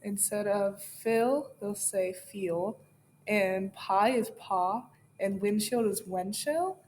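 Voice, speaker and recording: Brief: young woman, very slow delivery, explanatory student presenter. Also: medium pitch, darkish tone, a little hiss or hum. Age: young adult. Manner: explanatory, with ums. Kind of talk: class presentation.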